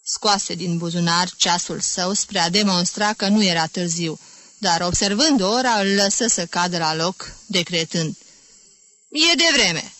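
A woman's voice: fairly low pitch, a bit bright, no room sound. Woman narrating literary prose. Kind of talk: audiobook reading of literary prose.

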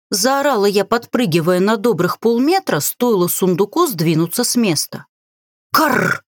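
A woman narrates a fantasy audiobook with animated, playful delivery. Her pitch moves in lively swings. The sound is dry and close, with no room echo. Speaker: audiobook reader.

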